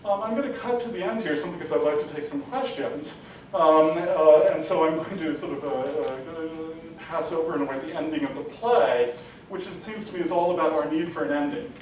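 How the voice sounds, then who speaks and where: A man's voice: fairly quick, a little mellow. A man giving an adult-education lecture, rambling and full of "sort of, you know" fillers. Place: lecture hall. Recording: distant mic in a very echoey room with faint rumble.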